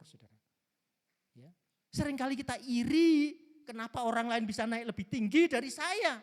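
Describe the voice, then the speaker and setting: A man preaching a sermon, telling stories with lively delivery and acting out the voices of the people in them. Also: very high voice, in a large hall. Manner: lively storytelling, acts out quoted voices. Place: church hall.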